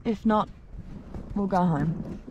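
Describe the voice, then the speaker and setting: Young Australian woman, relaxed co-host, mid-range voice, noisy outdoor camera audio. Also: medium pitch, slow. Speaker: vlogger. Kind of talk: casual camping chat. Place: outdoor beach campsite. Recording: outdoor camera with clear background noise.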